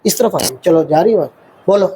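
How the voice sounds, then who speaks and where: A man with a high voice and a Pakistani Urdu accent teaching a hands-on CPR workshop. He drills counts out loud and keeps quizzing the class. He speaks in a training room full of students. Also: animated, a little fast, slight background noise, poor audio.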